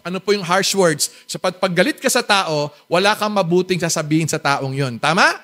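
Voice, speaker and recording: A man with a high voice preaches with a Filipino accent, reading English Bible verses and then explaining them. He often turns to the congregation with questions and small jokes. He moves back and forth between loud, emphatic lines and quiet, soft asides. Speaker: pastor. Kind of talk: Tagalog sermon mixing in English.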